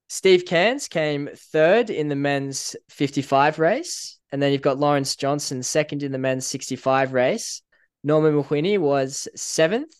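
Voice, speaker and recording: A Northern Irish man co-hosting a casual podcast, chatty and relaxed, with frequent fillers and small laughs. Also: mid-range voice, smooth, no room sound, clean studio sound. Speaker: podcast co-host.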